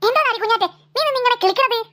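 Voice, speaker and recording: A woman's voice: very high voice, very fast, pushed and bright. A woman voicing a nagging cartoon mother. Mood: scolding. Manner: nagging, exasperated scolding. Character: scolding tired mother of two girls.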